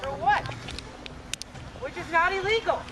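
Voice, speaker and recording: A woman's voice: very high-pitched, a little slow. A woman filming police on her own phone outdoors on a neighborhood street, talking back in a defiant, argumentative way. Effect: recorded on her own handheld phone video. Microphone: phone camera held by the speaker. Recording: noisy outdoor phone video.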